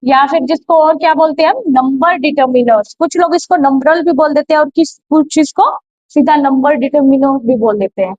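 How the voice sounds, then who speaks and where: A woman's voice: high-pitched, moderate pace, darkish tone, dry recording. A woman teaching grammar in a classroom lecture, explaining step by step and posing rhetorical questions. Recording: dull, slightly lo-fi, dry sound.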